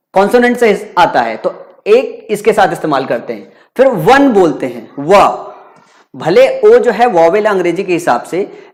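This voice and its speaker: A man's voice: sits high, a little mellow. A man teaching an exam-prep grammar lesson to students. He drills each point with rhetorical questions and answers them himself, going over the same idea again and again. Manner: calls students "bachcha".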